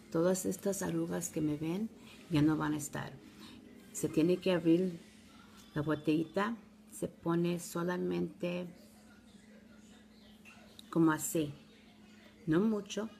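A middle-aged woman with gives a casual, halting step-by-step product demo, recorded on a phone at arm's length at home. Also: lowish voice, gravelly, mellow, slight background noise. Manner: halting, simple step-by-step instruction. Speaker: product demonstrator. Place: small room at home, indoors.

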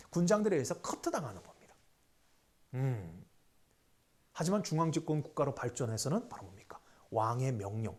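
A male history teacher lectures with a pitch that bounces up and down as he explains each point. He keeps throwing rhetorical questions at his class and slides between polite and casual speech. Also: darkish tone.

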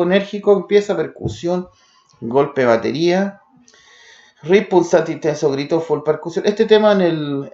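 Hombre de voz rasposa reseñando metal. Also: male voice, a little high, a little mellow, reverberant, dull audio. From Chile. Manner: terse word lists describing riffs and drums. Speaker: metal music reviewer. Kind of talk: spoken demo review over music.

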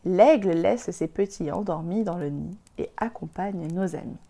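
A woman reading a children's story aloud in a gentle, clear storytelling voice. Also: fairly low pitch, moderate pace.

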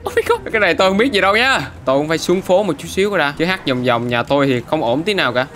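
A man doing excitable gameplay commentary, throwing in English exclamations. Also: a little high, racing, music in the background. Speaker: gaming YouTuber.

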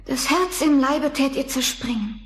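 A woman's voice: high-pitched, animated, normal speed. A woman voicing a young princess forced to work as a goose girl in a fairy-tale radio play, speaking in a plaintive, pleading way.

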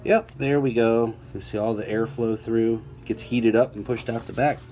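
Over music, a man with a mid-range voice and steady tone reads a children's picture book deliberately and clearly, sprinkling in conversational comments and playful questions for kids.

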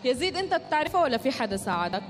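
Quick high-pitched female game show co-host. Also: very animated, over music. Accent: Levantine Arabic. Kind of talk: live game show presenting, chatting with contestants. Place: stage in a large indoor shopping mall. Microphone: handheld microphone.

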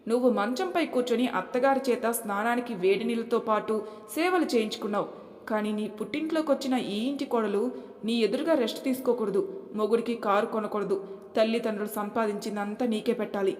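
A woman's voice: fairly high pitch, fast talker, darkish tone, natural voice. A woman voicing an angry grown son who accuses his own mother, in a roomy hall with long reverb. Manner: heated, accusing.

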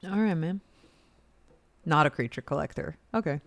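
A woman's voice: deep voice, normal speed, vocal fry, dry recording. A woman giving casual livestream commentary as she plays a game. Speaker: game streamer, voice actor.

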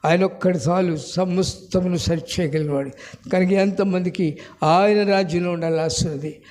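A man pastor preaching a sermon with passion, swinging between loud outbursts and hushed lines. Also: sits high, fairly even intonation, normal speed, slight background noise.

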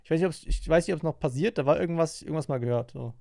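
A man reacting to a video on a stream, rambling through his thoughts with many fillers. His voice is a little high and gravelly. The sound is close and dry, with no room echo. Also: racing, warm tone. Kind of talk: casual reaction commentary.

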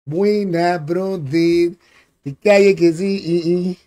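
A man's voice: sits high, steady tone, takes it slowly, mellow. A young man streaming a game live, chatting in a laid-back way, repeating himself and greeting viewers by name. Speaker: gaming streamer.

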